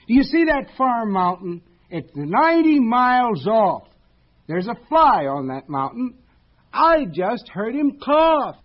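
A man's voice: extremely high pitch, big pitch swings, slow, muffled recording, pitched above the performer's own voice, heavily acted. A man voicing a boastful male rabbit who shows off about his hearing in a storybook reading. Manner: bragging, showy.

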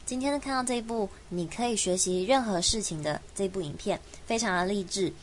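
A woman's voice: mid-range voice, a little hiss or hum, rough recording. Woman teaching English pronunciation. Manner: explains slowly, demonstrates sounds by repeating them. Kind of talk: language lesson.

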